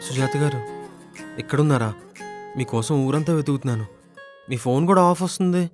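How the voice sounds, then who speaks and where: An actor playing a shy, earnest young man in love, speaking softly and pleading. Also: mid-range voice, brisk, over loud music, natural voice. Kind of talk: romantic comedy web series acting.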